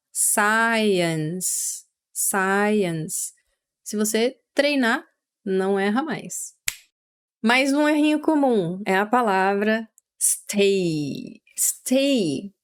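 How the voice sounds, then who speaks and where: A Brazilian woman teaching English vocabulary, patiently explaining and repeating words slowly for pronunciation. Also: medium pitch, smooth. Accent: Brazilian Portuguese.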